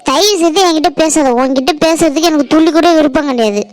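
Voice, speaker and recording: In a cartoon, an offended village woman, played by a woman, answers in short, huffy lines. Her voice is high but pitched lower than the other women's. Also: quick pace, close to an everyday voice. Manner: curt, huffy. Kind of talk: cartoon voice acting.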